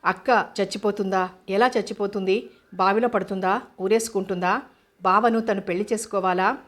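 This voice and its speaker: A woman reading the lines of a scheming, resentful young woman in a storybook drama, in a flat, even way. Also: mid-range voice, normal speed, close to an everyday voice. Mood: frightened.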